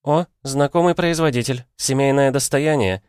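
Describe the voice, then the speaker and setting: A man's voice: mid-range voice, moderate pace, darkish tone, clear, resonant tone, no echo, clean studio sound, voice pushed up, close to an everyday voice. A man voicing a flippant young vampire woman in a sassy, lifted tone. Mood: teasing.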